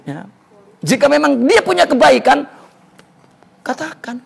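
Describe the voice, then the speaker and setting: Gravelly high-voiced man teaching religion. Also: sing-song, a little slow. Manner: storytelling, repeats words for emphasis; recites Arabic then explains it. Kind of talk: religious study lesson.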